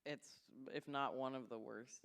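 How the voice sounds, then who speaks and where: A co-host of a casual call-in show, dropping wry, deadpan quips. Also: medium pitch, normal speed, gravelly, clear, resonant tone.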